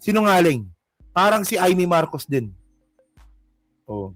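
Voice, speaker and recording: A man's voice: high-pitched, big pitch swings, a little slow, fairly bright tone, dry recording, faint music behind. A man with a Filipino accent giving casual political commentary, mocking and rambling as he reacts to clips. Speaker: commentary vlogger.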